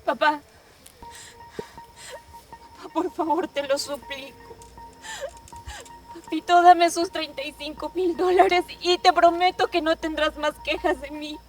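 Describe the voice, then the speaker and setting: A frightened young daughter begs her father tearfully for help, played by a woman. Her voice is very high and a little distant from the mic. Soft music plays beneath. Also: fairly even intonation, moderate pace, hardly any pauses. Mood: pleading. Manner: pleading, tearful. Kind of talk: telenovela-style film acting.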